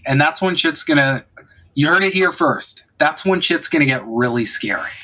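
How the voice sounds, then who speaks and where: A man's voice: fairly high pitch, animated, normal speed, pushed and bright. A man hosting a podcast, talking politics in a casual, profane and emphatic way. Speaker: podcast host.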